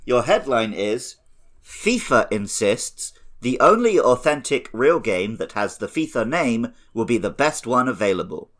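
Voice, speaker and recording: A young man runs a podcast quiz, reading headlines and needling his friends between rounds. His pitch rises and falls with lively swings. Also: a little slow. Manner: teasing, reads headlines then banters. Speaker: quiz host. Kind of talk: casual comedic game-show podcast.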